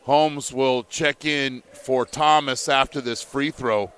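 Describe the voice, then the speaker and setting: Bright, clear-voiced slow basketball announcer. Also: male voice, mid-range voice. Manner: measured, steady play-by-play calls. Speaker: play-by-play commentator. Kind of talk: live basketball commentary.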